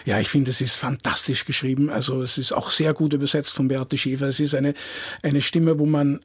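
A man reviews children's books on the radio in a reflective, considered way. His voice is slightly husky and sits at a middle pitch. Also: steady tone, brisk. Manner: thoughtful, often adds "finde ich". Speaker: literary critic.

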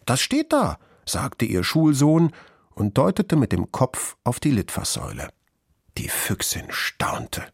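A man narrating a children's storybook in a lively, expressive way. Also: medium pitch, unhurried, gravelly, no echo, studio quality.

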